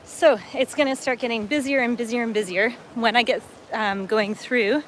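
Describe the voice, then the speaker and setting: This middle-aged woman hails from upstate New York, USA, and hosts a casual travel livestream as she walks by a lakeside waterfront, chatting and reading comments from viewers aloud. Her voice sits on the high side, with fairly even intonation at normal speed, and slight background noise is audible.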